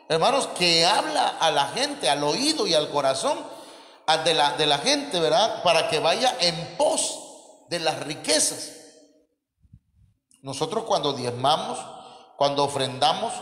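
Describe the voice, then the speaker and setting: A man's voice: high-pitched, fairly bright tone, roomy sound, big-room sound. A man with a Mexican Spanish accent preaching a sermon, calling his listeners brothers and asking rhetorical questions. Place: church.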